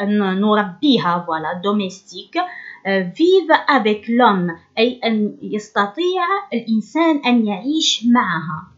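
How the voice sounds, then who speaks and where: A woman's voice: fairly high pitch, dull audio. Patient woman teacher explaining word by word. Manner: switches between French and Arabic, stresses words slowly. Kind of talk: workbook lesson explanation.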